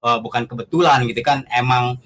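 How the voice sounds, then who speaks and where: A man's voice: medium pitch, steady tone, brisk, a bit bright. Male guest, testimony storyteller, casual and earnest, acts out quotes; faint room noise. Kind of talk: conversational testimony.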